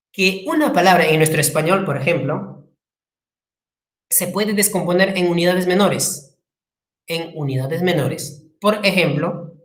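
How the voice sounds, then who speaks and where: A man's voice: high-pitched, fairly bright tone, echoey room. A male language teacher giving a classroom lecture, repeating key terms, spelling words out and asking the class rhetorical questions.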